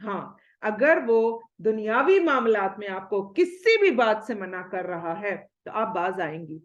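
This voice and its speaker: A woman's voice: medium pitch, muffled recording. A woman lecturing on Islamic history to other women, full of rhetorical questions, now and then acting out what others say. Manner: lively, rhetorical questions, acts out quoted speech.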